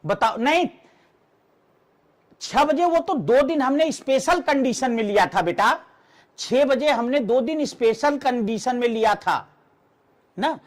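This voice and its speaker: A man teaching a Hindi exam-prep class, explaining verse meter slowly and counting syllables aloud for his students. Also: very high-pitched, lively intonation.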